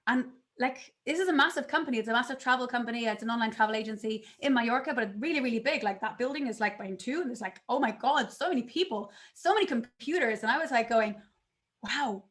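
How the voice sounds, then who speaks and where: A woman giving a conference talk, telling her story in an animated way and acting out her own past reactions. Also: on the high side, fast talker. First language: not English. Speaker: conference speaker.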